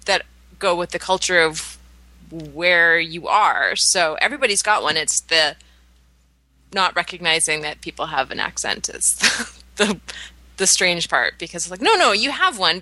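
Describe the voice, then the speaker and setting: This is a Canadian woman talking freely on a podcast. Her voice sits slightly low yet sounds bright and forceful. The recording is dry and close, and she rambles through explanations. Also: no room sound. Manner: chatty, explains with quick asides and laughs. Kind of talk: casual podcast chat.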